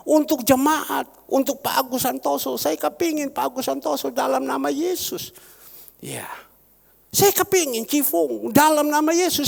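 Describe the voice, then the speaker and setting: A man preaching as a pastor, repeating phrases fervently and rising to sudden loud peaks. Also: very high-pitched, gravelly. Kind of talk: sermon. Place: large church hall. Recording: long church-hall reverb.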